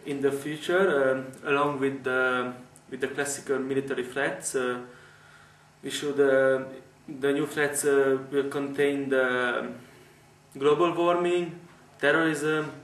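Young hungarian man, flat delivery. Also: medium pitch. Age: young adult. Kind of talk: interview answer. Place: indoor room with curtains. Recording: echoey room, distant mic.

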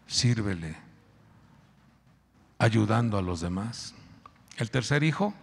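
A man preaching a sermon to his congregation, throwing questions at the crowd. His voice swings widely in pitch and drops into a gravelly rasp. It rings with a long echo through a church hall. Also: takes it slowly, a little hiss or hum. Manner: animated preaching, quizzing the congregation. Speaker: pastor.

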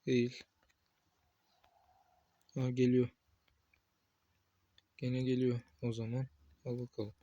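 A young man playing a horror game, talking to himself with excited outbursts and cursing at the game. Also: mid-range voice, takes it slowly, long pauses, dry recording, muffled recording. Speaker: gameplay streamer. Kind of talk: casual gameplay commentary.

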